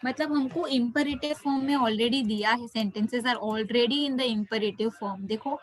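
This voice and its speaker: A woman's voice: a little high, very fast. A woman with an Indian accent teaching an interactive online class as a language teacher, encouraging and full of praise, often repeating herself. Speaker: French teacher.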